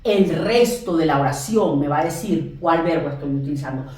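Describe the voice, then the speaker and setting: A woman teacher works through grammar at a board, slowing down to stress each example phrase. Her voice rings around a very echoey classroom. She sounds set back from the microphone. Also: deep voice, expressive, darkish tone, far from the mic. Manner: slow, emphatic spelling-out of example phrases. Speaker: English teacher. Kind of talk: classroom lesson explaining grammar. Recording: very echoey room, voice off-mic.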